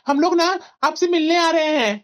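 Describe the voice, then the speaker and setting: Cartoon kid brother, eager and chatty, high voice, a woman putting it on. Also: normal speed, natural voice. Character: cheerful younger brother, boy.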